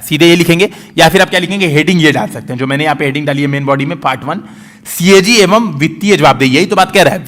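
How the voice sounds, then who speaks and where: A man's voice: on the high side, a bit bright. A man teaching exam answer writing in a casual, conversational way, explaining step by step and checking in with the class often.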